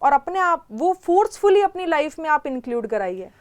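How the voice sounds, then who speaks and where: A woman, co-hosting a casual discussion and giving steady, encouraging advice. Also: high-pitched, moderate pace. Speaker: co-host.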